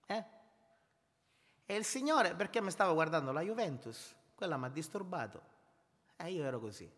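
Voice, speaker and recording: Male pastor, emphatic and repetitive, a somewhat high voice, recorded in a reverberant hall. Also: expressive, moderate pace, a bit bright. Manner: emphatic, repetitive, calls the congregation brothers. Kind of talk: sermon.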